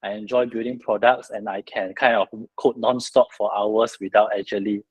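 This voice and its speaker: A man introducing himself as a guest developer on an online AMA, in a relaxed way. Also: fairly low pitch, moderate pace, slightly rough, poor audio. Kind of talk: casual self-introduction.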